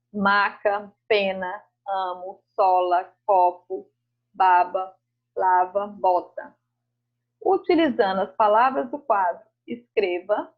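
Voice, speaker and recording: A woman teacher, going over school exercises in a recorded lesson, reading each task aloud and explaining it patiently. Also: medium pitch. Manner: reads tasks aloud, then explains slowly and patiently. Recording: muffled home recording.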